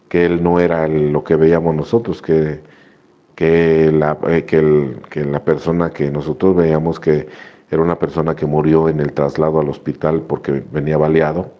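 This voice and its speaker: A man, speaking in a very low voice, gives a heartfelt personal testimony to his recovery group. He tells his story earnestly, repeats phrases and restarts them often. The sound is dull and lo-fi, like a radio broadcast.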